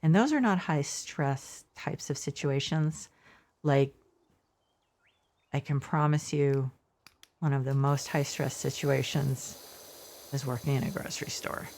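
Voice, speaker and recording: A woman's voice: very deep voice, measured pace, pauses often, a little mellow. A middle-aged woman streaming a game, telling a meandering, self-correcting story with asides about what she is playing. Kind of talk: casual storytelling while gaming.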